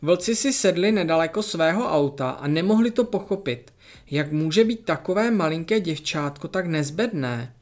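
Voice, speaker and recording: A storyteller narrating a children's story in a lively, expressive way. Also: mid-range voice.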